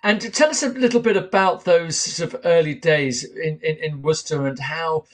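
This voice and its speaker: A man in his fifties hosting an interview over a video call from a small home room, asking measured questions with frequent fillers. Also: fairly high pitch. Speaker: interview host. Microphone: webcam on a video call.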